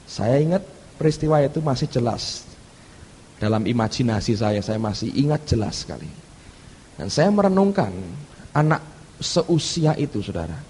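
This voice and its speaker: A male pastor preaching a sermon, telling a story with animated delivery and often addressing the congregation directly. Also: medium pitch, breathy edge. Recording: echoey church hall.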